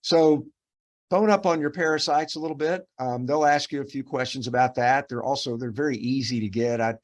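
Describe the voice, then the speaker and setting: A man's voice: mid-range voice, brisk. A man teaching a dermatopathology case review over a video call, explaining patiently with many fillers and restarts.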